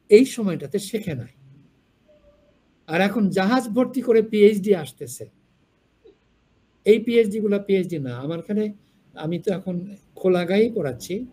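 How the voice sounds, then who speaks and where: A man's voice: sits high, dark tone, husky. An older man lecturing a university class, frank and digressive, drifting into stories.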